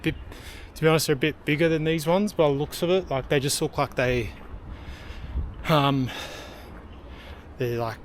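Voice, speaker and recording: A young male travel vlogger hikes uphill on a hillside trail, filming a casual walking vlog on a handheld camera. His voice is a little high and his pace normal, but he's short of breath, pauses often, and rambles with many ums and uhs over slight background noise.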